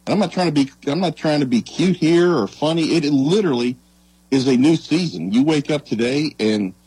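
A man talking casually on a sports show in an earnest, halting, reflective way. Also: medium pitch, a little mellow, slightly rough, no room sound, poor audio.

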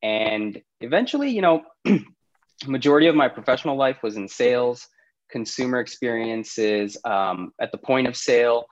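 A Pakistani startup CEO chats easily as a podcast guest in a casual interview, often laughing between thoughts. His mid-range voice is expressive at a normal speed, though the audio is dull.

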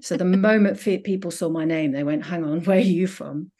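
A woman in her fifties from Finland, whose first language is Swedish, talks in a low, mellow voice. She speaks reflectively, as a guest in an interview. She often circles back and rephrases mid-sentence. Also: brisk. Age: 50s. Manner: reflective, with frequent restarts and self-corrections. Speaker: guest, sociologist. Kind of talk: conversational interview.

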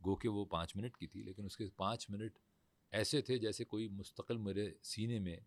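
Low-voiced voice-over guy, formal emphatic storytelling, dry close mic. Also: fairly even intonation, no echo. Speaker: voice-over artist and host. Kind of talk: casual studio conversation.

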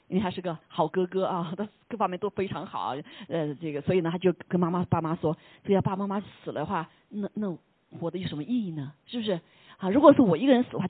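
A preacher giving a casual sermon, asking the listeners questions, dropping English words into the talk and tagging lines with a soft "ha". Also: medium pitch, husky, no room sound. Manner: asks the listeners rhetorical questions; mixes English words into Chinese speech. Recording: tinny phone-like line, dry.

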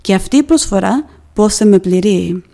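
A woman presents a devotional program in scripted narration. She reads in a measured, solemn way, pausing for emphasis. Her voice is mellow and warm, at a middling pitch. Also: animated, gravelly. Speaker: podcast presenter.

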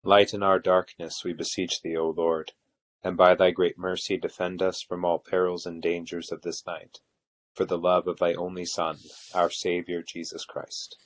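A man with a low voice leads evening prayer. His delivery is solemn and measured, with little rise or fall as he recites the liturgy. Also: little pitch movement. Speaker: officiant leading evening prayer.

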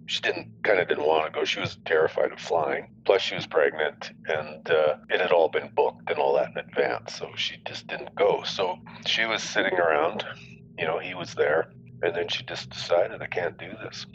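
A man's voice: rumbling low, moderate pace, fairly bright tone, a little hiss or hum. A middle-aged father retelling events in an interview, blunt and heavy with profanity. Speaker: victim's father. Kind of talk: recorded interview recollection. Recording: dull lo-fi interview audio.

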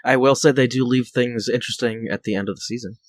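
A man's voice: mid-range voice, steady tone, quick pace, no echo, clean studio sound. A man on a casual podcast, teasing the others about what happens later and chuckling often. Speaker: podcast co-host. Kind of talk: casual chat.

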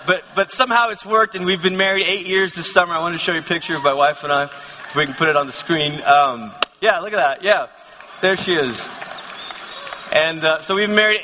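A conference speaker in his thirties from Malaysia tells personal stories to the crowd as part of a sermon, chatty and self-deprecating with many restarts. His high-pitched voice sounds pushed and bright, with slight background noise and long hall reverb.

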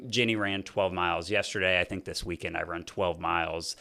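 Bright-voiced man guest, easygoing. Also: deep voice, fairly even intonation, a little fast, creaky. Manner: easygoing, explanatory. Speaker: podcast guest. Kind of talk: casual chat.

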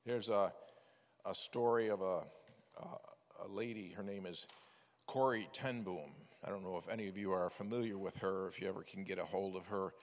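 An older preacher and former missions director speaks at a moderate pace in a low, steady voice during his sermon. His storytelling is folksy, with many restarts, and the recording carries long reverb from an echoey hall.

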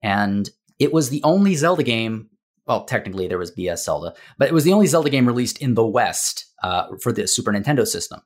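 A man's voice: mid-range voice, big pitch swings, fast talker. A man hosting a podcast in casual, rambling chat, recorded in an empty office with bare walls that gives his voice an echo. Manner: rambling, self-deprecating, filler-heavy. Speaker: podcast host. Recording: echoey bare room.

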